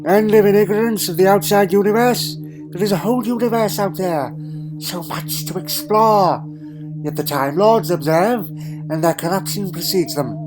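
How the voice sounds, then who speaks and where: A man's voice: sits high, normal speed, lightly acted. A man playing a crotchety, secretive old alien grandfather in a fan audio drama, with hesitant muttering, hums and pompous phrasing. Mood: grave. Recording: music laid under the voice.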